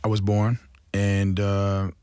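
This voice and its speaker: Low-voiced New rapper telling stories. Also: male voice, slow pace, clean tone, no room sound, studio quality. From born in Africa, raised in Brooklyn. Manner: animated storytelling, slangy. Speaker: rapper, interview guest. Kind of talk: casual interview chat.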